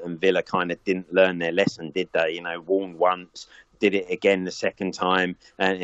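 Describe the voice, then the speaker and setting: Deep-voiced man talking football, lo-fi. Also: dry recording. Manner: thoughtful, many fillers and restarts. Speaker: football pundit. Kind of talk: casual football chat. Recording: dull lo-fi audio.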